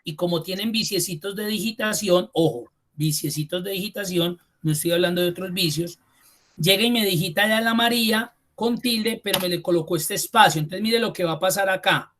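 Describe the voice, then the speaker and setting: A man's voice: high voice, bright, forceful tone. Man teaching, repeating key words. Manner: repeats key terms slowly for emphasis; addresses students directly and informally. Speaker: computer course instructor. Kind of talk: online class lecture.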